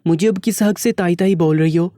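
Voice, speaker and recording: A man's voice: high voice, no room sound, studio quality, lightly acted. A man voicing a scornful middle-aged aunt. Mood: taunting. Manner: taunting and sharp-tongued.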